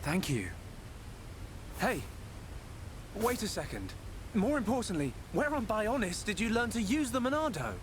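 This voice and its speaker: High-pitched, earnest young hero, Shulk. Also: male voice, very animated, unhurried, long pauses, noisy background. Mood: curious. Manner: urgent, hesitant, intense. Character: earnest, startled teenage swordsman hero. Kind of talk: video game cutscene voice acting. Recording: loud music behind the voice.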